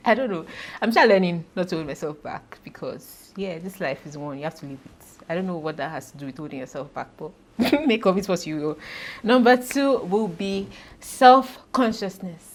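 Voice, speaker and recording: A woman's voice: on the low side, expressive, normal speed. A young woman talking casually to camera in a chatty, self-deprecating way, laughing often. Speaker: YouTuber.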